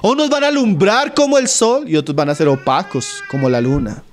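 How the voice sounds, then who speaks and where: A man from Colombia preaching an expository Bible sermon, who keeps checking in with the congregation, calling them brother, and drops low at the ends of his phrases. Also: brisk, slight background noise. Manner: keeps asking the flock "¿sí?" and "¿no?", calls them "hermano"; swings between loud quoting and low, trailing phrase ends.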